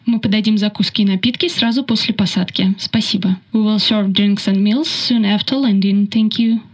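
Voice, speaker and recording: Woman doing flight attendant announcements, polite and smooth, mid pitch. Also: steady tone, moderate pace. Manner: polite, switches between Russian and English. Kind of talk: scripted announcement.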